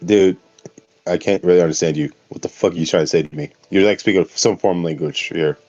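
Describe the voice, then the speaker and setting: A man's voice: low-pitched, fast talker, darkish tone. A man co-hosting a casual stream, joking and swearing playfully. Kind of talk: casual chat. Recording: dull lo-fi mic.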